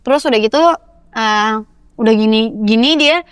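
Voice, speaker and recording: A young woman telling a story in a casual podcast interview, animated and acting out the voices of the people she quotes. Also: fairly high pitch, moderate pace, clear, resonant tone, dry recording, clean studio sound. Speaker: guest actress.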